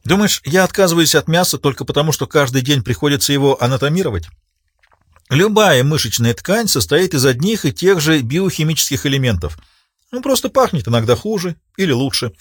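A man's voice: a little high, expressive, fairly quick, breathy edge, dry recording, voice pushed up. A man voicing a portly, jovial male pathologist who chats and lectures with relish. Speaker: medical examiner.

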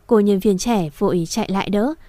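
A woman reading a first-person story in a soft, emotional way. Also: mid-range voice, a little fast, dry recording. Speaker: narrator.

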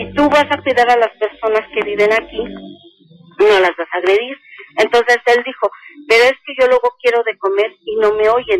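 An older woman calling a radio show, slowly and earnestly telling a personal story and quoting each speaker. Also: a little high, low-quality recording. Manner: slow, earnest retelling that quotes each speaker. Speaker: caller.

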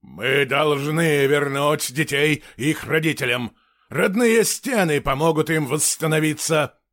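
A stern, commanding man in authority whose voice is sharp and unbending, as an audiobook narrator does him. He lays out each word slowly and deliberately. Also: medium pitch, no echo, clean studio sound. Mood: furious. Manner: sharp and unyielding, slow and deliberate. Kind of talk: audiobook character voice.

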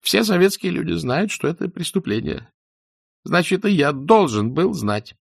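A man voicing a frightened middle-aged male doctor under interrogation, pleading and breaking into hysterical shouts. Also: fairly low pitch, expressive, normal speed, creaky, breathy edge, dry recording, clean studio sound, full character voice. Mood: desperate.

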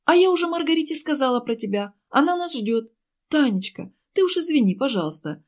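A woman voicing a chatty, fussing woman who runs a cafe, pleading and talking fast in an audiobook. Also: high-pitched, sing-song, voice pushed up. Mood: fussy, pleading. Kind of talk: audiobook character voice.

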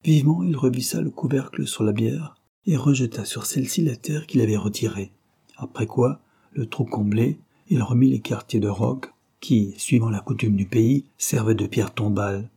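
A man reading a novel aloud as narrator, in a measured, grave storytelling manner. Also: mid-range voice, dark tone, husky. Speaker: audiobook reader.

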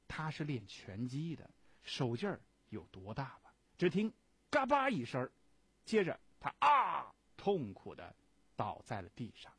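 A man with a husky, breathy voice reads a story aloud on the radio, his pitch rising and falling expressively. The sound is close and dry, with no room around it. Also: no echo. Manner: dramatic storytelling reading. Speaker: radio host. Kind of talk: reading a novel passage aloud on radio.

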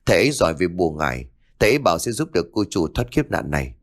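A man's voice: deep voice, sing-song, racing. A man voicing an older female housemaid who speaks politely and deferentially.

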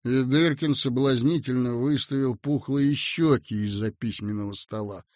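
A man narrating a classic story aloud with a theatrical, expressive reading. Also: mid-range voice, normal speed, no room sound, studio quality.

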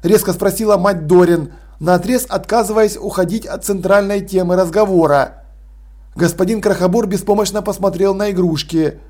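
A man narrating an audiobook in an expressive, lively storytelling manner. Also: high-pitched, normal speed. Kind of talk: audiobook reading.

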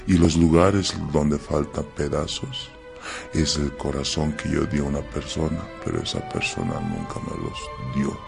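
A wise old man speaks slowly and solemnly in an extremely deep, crackling voice, as a man plays him. Gentle and grave, telling a spoken storybook tale. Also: gravelly, over music, exaggerated voice.

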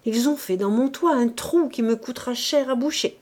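A woman's voice: on the high side, normal speed, darkish tone, voice pushed up, close to an everyday voice. A woman doing a flustered, pompous old judge. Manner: stammering, flustered.

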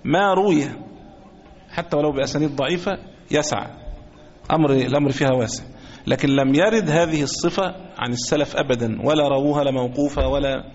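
A man with an Egyptian accent teaching a religious lesson as a sheikh, speaking deliberately and repeating his phrases. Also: on the high side, a little mellow. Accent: Egyptian Arabic. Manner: deliberate, repeats phrases, chants quoted takbir slowly. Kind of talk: religious lesson explaining a book. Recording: echoey hall, dull lo-fi sound.

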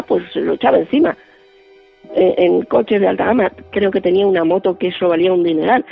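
A man with a high, gravelly voice and a breathy edge, speaking. He tells his story vividly as a radio interview guest and acts out what each person said. The sound is thin, dry and phone-like. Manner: vivid, acts out quoted dialogue. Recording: band-limited dry phone-like line.

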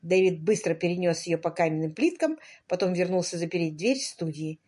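A woman reading a romance novel aloud as an audiobook narrator, in expressive scripted narration. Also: on the low side, fairly quick, breathy edge.

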